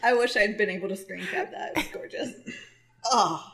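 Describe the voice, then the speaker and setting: A woman's voice: medium pitch, normal speed, a crowd in the background. A woman co-hosting a casual group podcast, teasing her friends and laughing often. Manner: teasing, giggly. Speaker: podcast co-host. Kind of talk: casual group chat, joking.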